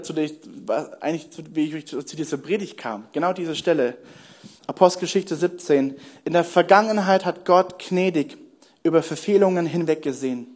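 A young adult man preaching a sermon as pastor, earnest, asking the congregation rhetorical questions and slowing down to stress key words. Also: on the high side, a little mellow.

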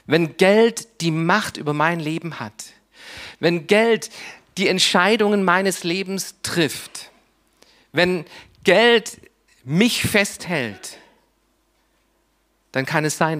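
A man preaches a sermon in short, deliberate phrases separated by long pauses, often dropping to a soft, low voice for emphasis.

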